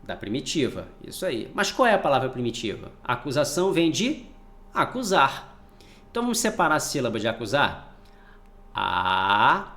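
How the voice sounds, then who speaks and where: A man's voice: fairly high pitch, fairly quick. A man teaching a spelling lesson for exam prep, asking questions and then answering them himself. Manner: lively, asks and answers his own questions.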